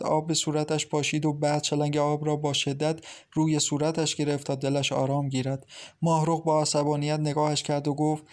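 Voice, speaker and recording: Man narrating a novel, higher voice. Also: darkish tone. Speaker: audiobook narrator.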